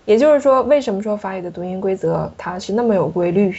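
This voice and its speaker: A woman's voice: mid-range voice, lively intonation, quick pace, warm tone, husky, muffled recording. A woman French teacher giving a classroom pronunciation lesson, patiently asking her student questions and drilling sounds.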